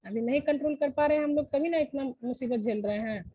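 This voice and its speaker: Her voice high-pitched and quick, a woman teaches an online lesson step by step, regularly checking that students are keeping up. There's no room sound, and the highs are cut off.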